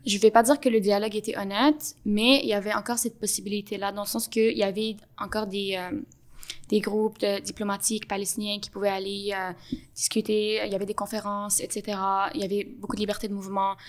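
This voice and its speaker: As a podcast guest answering interview questions, a young adult woman from Montreal speaks earnestly in a Quebec French accent, often pausing on "euh" while collecting her thoughts. Her mid-range female pitch hardly moves, making her delivery even and level.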